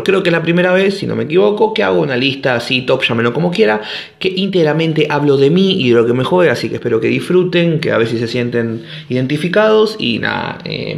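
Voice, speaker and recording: A man's voice: fairly high pitch, gravelly, reverberant. A man with an Argentine Rioplatense accent hosting a casual monologue podcast, rambling with sarcastic joking asides. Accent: Argentine Rioplatense Spanish. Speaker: podcast host.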